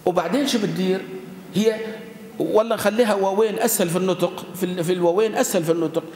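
A man teaching grammar to a class, speaking, repeating and stretching out word forms slowly and quizzing his students. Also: sits high, darkish tone. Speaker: sheikh teaching Arabic grammar. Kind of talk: classroom grammar lesson with student call-and-response. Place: lecture hall with students. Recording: echoey hall with faint ambient noise.

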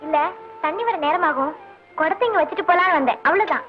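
A shy girl who makes quick, hurried excuses in a very high voice. The sound is a muffled old film soundtrack. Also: soft background music. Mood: evasive. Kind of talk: 1980s film acting.

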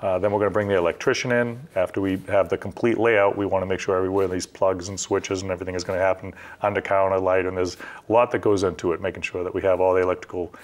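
Fast-talking deep-voiced contractor explaining steps. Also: male voice, flat delivery. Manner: practical, step-by-step, conversational with fillers. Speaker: construction company owner, guest. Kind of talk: explanatory interview talk. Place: TV studio set.

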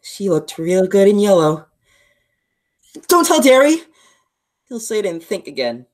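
A woman's voice: medium pitch, very animated, measured pace. A woman playing a sensitive, thoughtful teenage greaser boy in a school play, with an earnest, reflective delivery. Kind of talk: school play read remotely.

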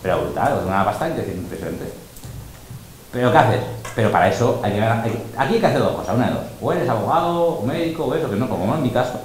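In a large school room, a middle-aged DJ and teacher talks to a group of students in a casual, emphatic and boastful way, often acting out quotes. His medium-pitched voice is sing-song and fast. The room is very echoey, with faint noise.

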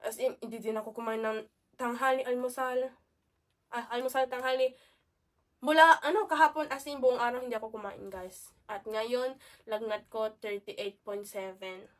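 Woman vlogger w/ a cold and cough, chatty, slightly high voice, mic a bit far off. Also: fairly even intonation, normal speed. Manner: chatty, keeps calling out to viewers. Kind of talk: casual chat to camera.

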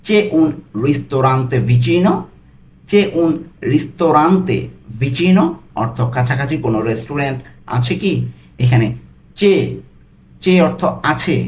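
Male tutor, slightly higher voice, patient word-by-word explaining. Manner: repeats each phrase slowly, explains word by word. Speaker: language tutor. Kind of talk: language lesson.

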